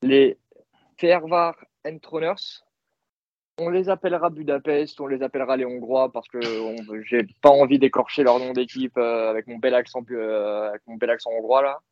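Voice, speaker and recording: A man's voice: medium pitch, fairly even intonation, fairly quick, few pauses, no echo, highs cut off. A man co-hosting a casual sports podcast, talking with many fillers and restarts. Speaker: podcast co-host.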